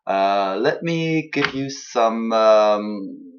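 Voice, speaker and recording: A man's voice: on the low side, expressive, drawn-out words, a little hiss or hum. A man with a French accent, a native French speaker, teaching English and giving recorded feedback on a student task, hesitant and full of fillers. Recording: dull lo-fi recording.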